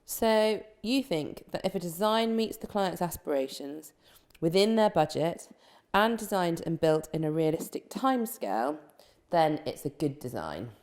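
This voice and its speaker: A woman's voice: lowish voice, sing-song, a little slow, darkish tone. A woman interviewer asking brief, probing follow-up questions.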